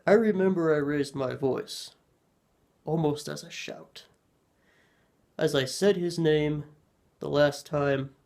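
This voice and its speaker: A man narrating a horror story in a measured storytelling manner. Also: on the high side, creaky, a little mellow.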